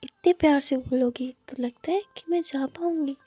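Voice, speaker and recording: A tender, teasing young woman in love, voiced by a woman narrator. Her voice is high and mellow, and she speaks gently. She is a figure in a spoken story. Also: normal speed, no room sound, close to an everyday voice.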